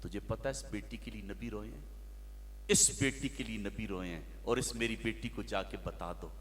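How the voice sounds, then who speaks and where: A man's voice: on the low side, moderate pace, big-room sound, slight background noise. A male Islamic preacher, telling stories dramatically in an impassioned sermon at a large religious gathering. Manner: impassioned, dramatic storytelling, rising to shouts.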